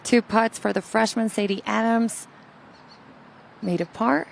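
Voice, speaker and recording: A woman's voice: a little high, fairly even intonation, a little slow, gravelly, slight background noise. A woman giving live golf commentary, explaining play directly to the viewers.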